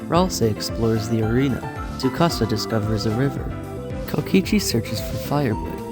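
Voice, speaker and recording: A man's voice: mid-range voice, lively intonation, moderate pace. A man giving a hammy, theatrical dramatic reading as narrator of survival-game events. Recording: music under the voice. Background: background music.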